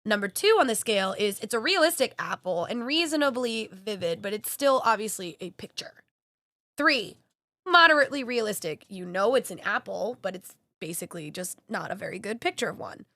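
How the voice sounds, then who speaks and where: A woman's voice: mid-range voice, expressive, brisk, bright, forceful tone, dry recording. A woman co-hosting a podcast, blunt and swearing, reading information aloud in casual chat. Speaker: podcast co-host.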